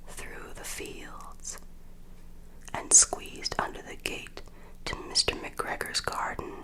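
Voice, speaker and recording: In a full, breathy whisper from start to finish, a female ASMR storyteller gently reads children's tales at bedtime. She is slow and deliberate, though the audio quality is poor.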